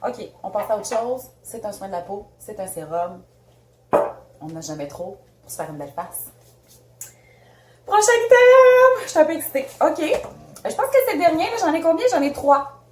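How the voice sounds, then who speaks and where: A chatty Québécoise woman unboxing beauty products, her voice swinging up and down with lively excitement. She talks in a loose, giggly way. The room is echoey, with a faint hum of ambience behind her. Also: on the high side, moderate pace. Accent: Québécois French. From Canada. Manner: bubbly, chatty, laughs often. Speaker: beauty vlogger. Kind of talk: casual unboxing chat.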